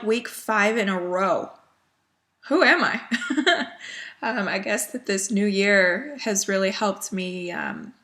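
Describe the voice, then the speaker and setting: A woman vlogs casually about cross-stitch in a mid-range, slightly bright voice. She's a bit sniffly from a cold and fills her talk with ums and small laughs.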